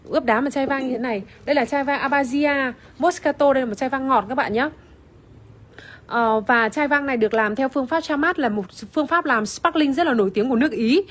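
A woman's voice: sits high, brisk, fairly bright tone. Chatty woman presenting wine on a livestream. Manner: chatty, many fillers, greets viewers by name. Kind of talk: casual livestream product demo. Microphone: phone camera, iPhone.

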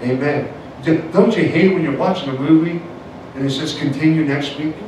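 Fervent pastor preaching in an echoey church. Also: male voice, fairly quick. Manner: call-and-response, punctuates lines with "amen" and "come on, church"; swings from soft and low to shouted and high. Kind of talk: evangelical sermon. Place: church sanctuary, indoors. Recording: echoey church sound from far off, faint noise.

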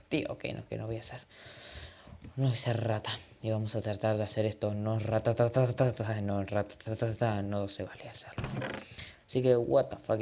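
A man giving casual gameplay commentary as a gaming channel host, excitable and jumping from mumbled asides to loud outbursts, sprinkling in English exclamations and swearing. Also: mid-range voice, noisy background.

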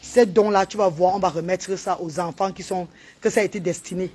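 A woman's voice: on the low side, fairly even intonation, brisk, darkish tone, slightly rough. A woman hosting a casual live stream at a charity event, chatty and calling out praise and instructions.

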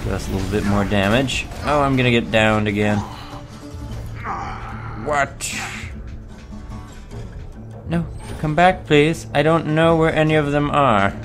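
A man's voice: mid-range voice, steady tone, a little slow, pauses often, soft background music. A man giving casual, sweary gameplay commentary, chuckling and talking to himself as he plays. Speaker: let's play gamer.

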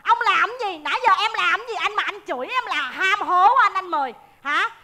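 A woman playing a café owner in a comedy sketch, scolding loudly and sounding exasperated. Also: very high voice, lively intonation, moderate pace, very noisy.

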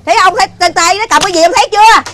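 Woman playing a shrill nagging foster mother. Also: very fast. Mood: furious. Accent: Southern Vietnamese. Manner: shrill, scolding, shouts often. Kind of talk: comedy sketch acting.

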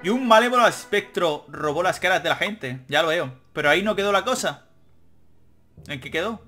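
A man's voice: high-pitched, animated, normal speed, sharp tone. A young man giving joking let's-play commentary, reading the game text aloud and swearing casually. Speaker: gaming YouTuber. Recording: faint game music behind.

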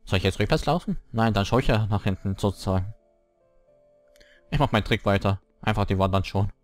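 A young man commentating a horror game he is playing, scared and swearing, his voice jumping up high when frightened. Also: brisk, faint music behind. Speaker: let's play gamer.

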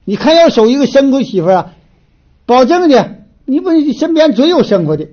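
Northeastern Mandarin man, folksy lecturer, high animated voice, restarts a lot, muffled lo-fi audio. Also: brisk. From Northeast China. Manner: animated storyteller, frequent filler restarts. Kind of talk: folksy moral lecture with storytelling. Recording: dull lo-fi recording.

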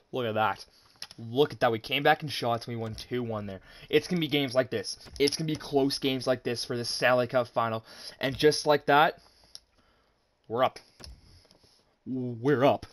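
Young man, casual game commentary, excitable, swears, mid pitch, dry room. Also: no echo. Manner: excited, swears, talks to viewers as "boys". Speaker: gaming YouTuber.

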